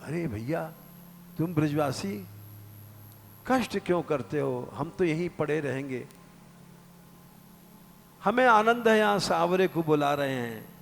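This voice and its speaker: A man's voice: a little high, expressive, takes it slowly, creaky, pauses often, a little hiss or hum, exaggerated voice. A man voicing an old injured ascetic who speaks meekly and wearily. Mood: weary. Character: old injured male ascetic, meek and devoted.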